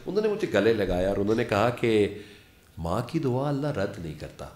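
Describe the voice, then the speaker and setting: Animated man telling stories. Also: lowish voice. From Pakistan. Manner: animated storyteller who acts out quoted dialogue. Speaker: actor and lecturer, interview guest. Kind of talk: casual interview storytelling. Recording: roomy studio echo.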